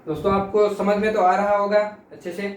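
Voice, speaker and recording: A man's voice: sits high, steady tone, brisk. A man teaching a lesson, explaining patiently, repeating phrases and drawing out vowel sounds to show them. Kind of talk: classroom lesson. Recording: echoey room, mic at a distance, faint noise.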